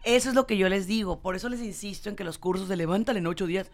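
A woman's voice: mid-range voice, fairly even intonation, rapid-fire, soft background music. Emphatic Mexican woman talk-show host. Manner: emphatic, repeats points, addresses audience directly. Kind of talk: motivational talk-show chat.

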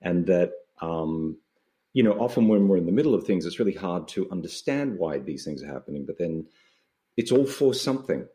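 Australian male, low voice, laconic drawl, thoughtful guest in relaxed, reflective conversation. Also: fairly quick. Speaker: interview guest, writer.

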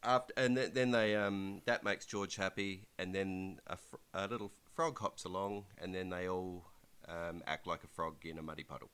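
Low-voiced Australian man chatting casually. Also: normal speed, few pauses, a bit bright, clear, resonant tone. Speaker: podcast co-host. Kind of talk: casual podcast chat.

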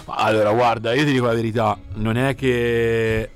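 A man's voice: medium pitch, little pitch movement, normal speed. Casual male co-host over background music. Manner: colloquial, sprinkles English slang. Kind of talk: casual chat, music commentary. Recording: music playing behind the voice.

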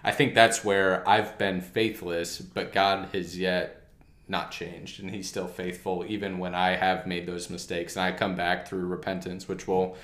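A man co-hosting a casual faith discussion, speaking in a measured, reflective way. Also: deep voice, little pitch movement, fairly bright tone, echoey room. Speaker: podcast co-host.

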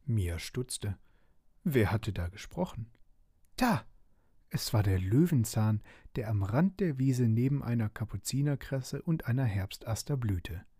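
A man reading a bedtime story aloud in a gentle, expressive way. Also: medium pitch, unhurried, husky, no room sound, studio quality.

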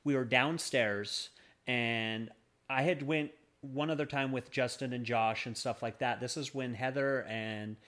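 A man's voice: mid-range voice, steady tone, measured pace, a bit bright. A man telling anecdotes about his own experiences in a casual, rambling, conversational way, often repeating himself. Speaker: guest telling stories of paranormal investigations.

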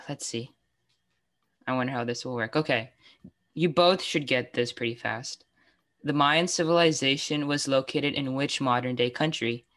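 A bass voice, a bit bright, comes from a young adult woman hosting an informal trivia quiz on a video call. Giggly throughout, she trips over her words and frequently restarts.

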